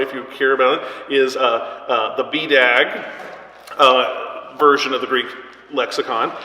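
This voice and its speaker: A man's voice: sits high, pushed and bright. A man teaching a Bible study class at church, explaining things step by step and often checking in with "right?" and "okay?". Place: church hall. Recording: echoey hall with long reverb.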